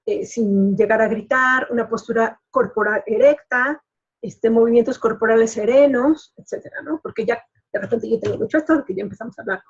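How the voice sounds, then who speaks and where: Speaking a bit quickly in a fairly high, slightly rough voice, a female life coach and show host explains things casually. She uses plenty of fillers, and the recording has a dull, lo-fi quality.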